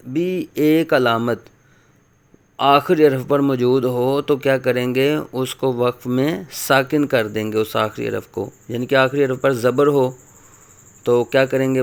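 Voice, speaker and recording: A man with a smooth, resonant voice at an ordinary middle pitch gives a recorded lesson on reading scripture. He explains each rule patiently, repeating it step by step, and speaks to his listeners with formal courtesy. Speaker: Quran reading teacher.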